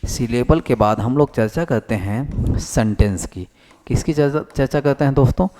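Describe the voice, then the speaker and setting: A man teaching English basics in a classroom lecture, repeating each point back as a question and slowly dictating definitions as he writes them on the board. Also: medium pitch, noisy background.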